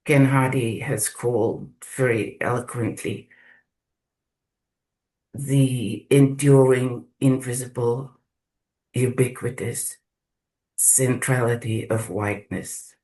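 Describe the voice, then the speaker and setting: A man from South Africa sharing his experience in a group video call, speaking slowly and haltingly as he searches for words. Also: mid-range voice, fairly even intonation, darkish tone, low-quality recording. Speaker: course participant.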